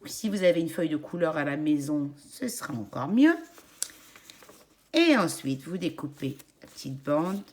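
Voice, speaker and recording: Here the woman's voice sits low but her intonation is lively, and she moves at a moderate pace. She plays host to small children, running a counting game in a cheerful, singsong, instructive manner.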